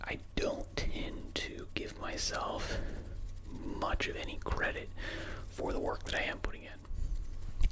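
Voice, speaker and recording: An ASMR creator whispering quickly in a candid, reflective ramble, entirely without voicing. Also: rough recording. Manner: fast, unvoiced whispering throughout.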